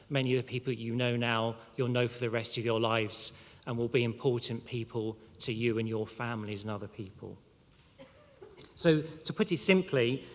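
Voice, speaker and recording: A university official, a man with a medium-pitched voice, gives a formal graduation address in a large hall. He speaks in a measured way, pausing and occasionally using fillers, with a non-local accent that isn't Mancunian. The hall's long reverb is audible.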